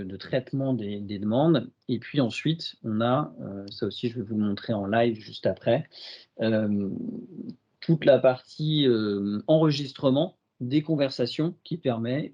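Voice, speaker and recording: A man with a French accent walks through a software demo on a video call, stopping often on fillers and restarting his sentences. His voice sits at an ordinary pitch. The audio is dull and lo-fi, like a computer mic. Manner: hesitant, many fillers and restarts. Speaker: IT consultant presenting a demo. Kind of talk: webinar product demo.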